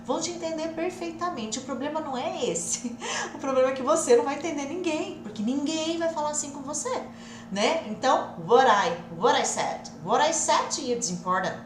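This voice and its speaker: A Brazilian woman teaching a live English lesson, drilling phrases over and over in a lively, repetitive way. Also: high voice, moderate pace, echoey room, a little hiss or hum. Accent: Brazilian Portuguese.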